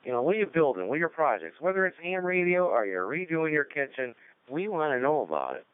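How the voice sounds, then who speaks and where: A man's voice: a little high, big pitch swings, fast talker, clean tone, no echo. A man hosting a ham radio net in a chatty, rambling way, heard over a radio link. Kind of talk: casual on-air net chat. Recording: narrow radio-link sound, dry.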